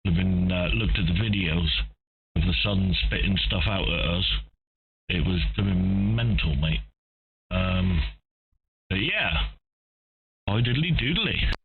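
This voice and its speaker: A man's voice: sits low, unhurried, gravelly, pauses often, faint music behind. A man, a ham radio operator chatting casually on air in a jokey, rambling way. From England. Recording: narrow radio-band audio, faint hiss.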